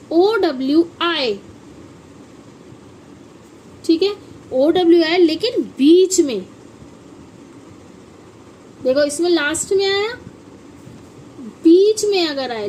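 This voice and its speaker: A high-voiced woman runs a phonics lesson, taking her time as she spells each word out letter by letter. She keeps asking the children what a word says, then answers herself. A faint hiss of background noise sits under her voice. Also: a little mellow. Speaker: English phonics teacher. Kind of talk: classroom-style phonics lesson.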